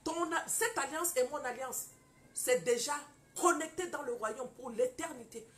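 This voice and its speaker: A woman teaching on marriage, mixing personal testimony with fervent preaching. She moves from quiet storytelling to loud declarations and addresses her listeners directly, scolding and urging them. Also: high-pitched, measured pace. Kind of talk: testimony-style preaching to an audience.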